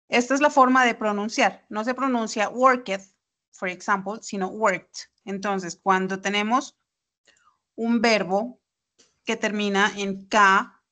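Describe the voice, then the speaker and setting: A woman's voice: mid-range voice, a bit bright. A woman, teaching English pronunciation in an online class, patiently explaining step by step with examples over a video call. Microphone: computer mic on a video call.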